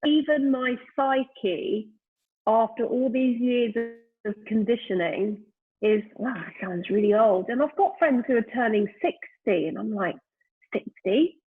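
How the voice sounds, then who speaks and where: A brand founder in her fifties, her voice a little high with a breathy edge, talks a little slowly but with lively intonation. As a guest in a reflective, casual interview, she thinks aloud and often reaches for words with "you know," all over a tinny, phone-like remote call from lockdown.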